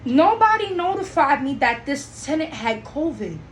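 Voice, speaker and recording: A young woman from Trinidad hosting a solo podcast, telling her story in a blunt, animated way and swearing freely. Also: high-pitched, moderate pace. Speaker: podcast host. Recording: echoey room, faint background noise.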